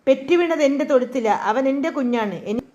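Narrator lady doing a pushy village woman in her thirties, insistent and demanding, kinda high voice, storybook. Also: a little fast, warm tone, muffled recording, natural voice.

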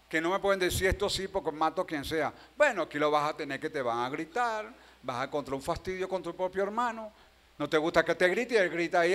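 A man with a Venezuelan Spanish accent preaching a sermon in a church, moving between quiet storytelling and loud, shouted calls to the congregation. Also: high voice. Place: church sanctuary.

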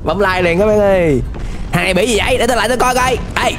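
A man gives excited reaction commentary, often shouting and dropping English exclamations. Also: high voice, fast talker, faint music behind. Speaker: YouTuber reacting to an animated series.

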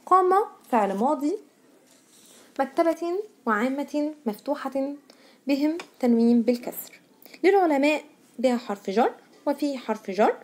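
A woman with a warm, high-pitched voice teaches a primary school grammar lesson in Egyptian Arabic. She puts stress on each new word and poses questions to the pupils, then answers them herself.

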